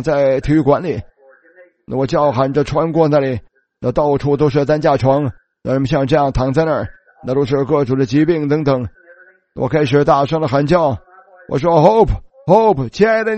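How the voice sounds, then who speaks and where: A man preaching with a dark, mellow voice, telling his own story as a sermon testimony. He speaks earnestly, opens many sentences with a small filler word, and acts out the words of the people he quotes. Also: mid-range voice. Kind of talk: first-person sermon testimony.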